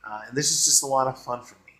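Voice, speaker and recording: A man hosting a movie review channel, giving a casual unscripted review in a rambling, halting way with many fillers and easygoing enthusiasm. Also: mid-range voice, pushed and bright, low-quality recording.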